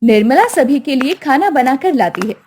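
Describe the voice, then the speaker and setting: High-voiced woman narrating a story. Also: expressive, normal speed, darkish tone, slight background noise.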